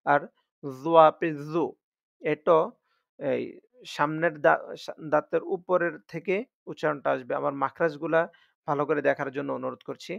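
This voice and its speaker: A man teaches Quran reading in a slow, patient, repetitive voice. His voice sits a little high and has a gravelly edge. The recording is dry and slightly dull. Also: no room sound. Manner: slow, patient, repeats each sound for drill. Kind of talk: recorded online lesson.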